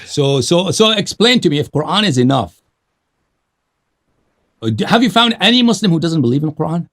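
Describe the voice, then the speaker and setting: Gravelly, lively-voiced male debate host. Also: on the high side, fairly quick. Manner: animated, challenging questions. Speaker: show host. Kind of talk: live call-in debate.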